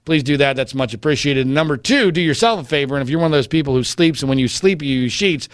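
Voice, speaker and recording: A middle-aged male podcast host with a slightly high voice talks in a wry, rambling monologue, full of filler words. The recording is dry and close, with no room sound. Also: animated, fast, dry recording. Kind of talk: casual monologue answering listener questions.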